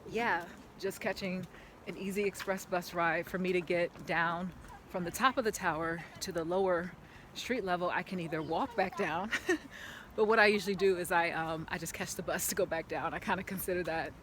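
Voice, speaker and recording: Woman walking and talking outdoors, bright voice, chatty and rambling, handheld camera. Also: fairly low pitch, steady tone, brisk, slight background noise. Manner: chatty, rambling, lots of "like" fillers; talking while walking uphill. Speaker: vlogger. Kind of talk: casual walking vlog. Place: outdoor park path on a hillside. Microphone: handheld camera while walking.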